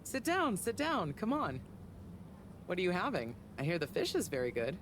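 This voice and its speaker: An actress voicing Bridget, a friendly, talkative energy consultant who chats in a breezy, upbeat way. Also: female voice, on the low side, wildly swooping pitch, normal speed. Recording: game audio with ambient noise.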